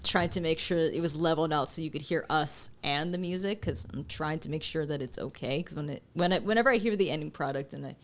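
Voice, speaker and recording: A woman's voice: low-pitched, quick pace, few pauses. A young woman co-hosting a podcast, talking casually about editing and laughing often as she tells stories. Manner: chatty, laughs often while telling stories. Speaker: podcast co-host and film editor. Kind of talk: casual chat.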